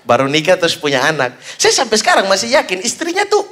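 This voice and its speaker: A young man doing stand-up comedy, telling stories with animated acted-out voices. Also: fast, a little hiss or hum. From Papua, Indonesia. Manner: animated storytelling, acts out high shouted voices of fans. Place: stage before a live audience.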